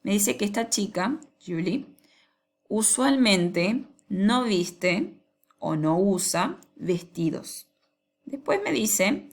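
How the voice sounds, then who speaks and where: Woman teacher, slightly low and gravelly voice, patient explainer. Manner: patient, slows down on examples. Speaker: English teacher. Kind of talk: explaining grammar to students.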